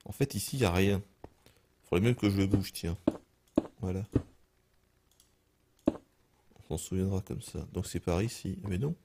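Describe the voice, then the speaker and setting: A man's voice: low-pitched, a little slow, long pauses, very noisy. A man with a French accent giving casual let's play commentary, talking to himself and swearing as he plays. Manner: talks to himself, swears often. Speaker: gaming streamer.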